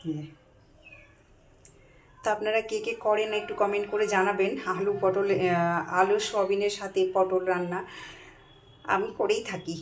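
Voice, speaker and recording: A woman's voice: medium pitch, steady tone, moderate pace, long pauses. Chatty woman vlogging in an echoey kitchen. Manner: chatty, running commentary while cooking. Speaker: vlogger, mother cooking at home. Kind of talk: casual home cooking vlog. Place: home kitchen, indoors. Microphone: phone camera. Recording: echoey kitchen with faint frying noise.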